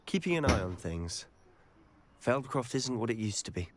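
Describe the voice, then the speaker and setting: A man's voice: medium pitch, very animated, normal speed, background noise, close to an everyday voice. An actor playing an earnest, determined young male wizard student in a video game. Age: young adult.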